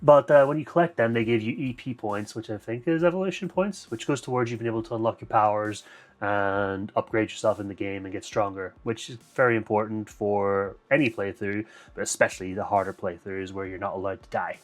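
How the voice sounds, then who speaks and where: A man's voice: lowish voice, fairly quick. A man co-hosting a casual gaming podcast, playful and teasing. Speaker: podcast co-host.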